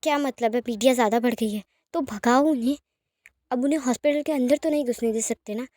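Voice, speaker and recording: A woman plays a brisk young secretary who takes charge, steady and firm as she reassures and gives orders. The voice is high and clear, recorded dry and close. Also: dry recording, natural voice. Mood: commanding.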